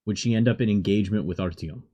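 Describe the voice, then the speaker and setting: A man's voice: fairly low pitch, fast talker, mellow. A man playing a tabletop role-play game, casually talking through rules and tactics.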